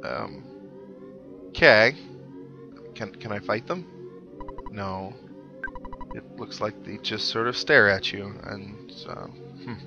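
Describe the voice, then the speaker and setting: A man's voice: fairly low pitch, slow pace, gravelly, pauses often. A man giving casual, rambling and wry commentary as he plays a video game, musing aloud. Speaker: host of a video game playthrough series. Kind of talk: casual let's play commentary. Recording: dull lo-fi mic under loud game music. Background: video game music.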